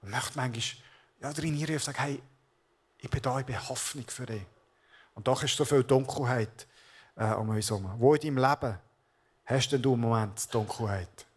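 Pastor, male, mid-pitched voice; earnest sermon aimed straight at the congregation. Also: moderate pace, slightly rough. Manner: earnest, addresses listeners directly as du.

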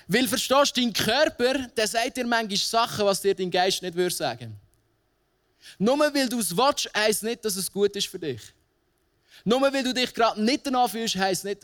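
A pastor with a Swiss German accent preaches from a church stage. His voice sits high for a man, and he talks in a loose, chatty way, firing rhetorical questions at the congregation. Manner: casual, conversational preaching with frequent rhetorical questions. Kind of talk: sermon.

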